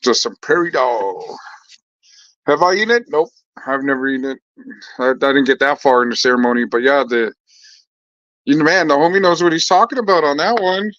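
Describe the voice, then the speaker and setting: A man's voice: on the high side, fairly quick, pauses often, fairly bright tone, no echo, muffled recording. A man chatting casually on a live stream, answering viewers in a laid-back, slangy way, swearing freely and laughing often as he tells stories.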